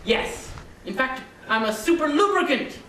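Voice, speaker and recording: As a guest on a comedy interview, a performer plays a mischievous, bragging little male leprechaun from Ireland, cheeky and sly, rambling along in a playful lilt and loving his wordplay. The heavily acted voice is high, very animated, bright and forceful, a little slow. The mic is distant in an echoey room, with faint background noise.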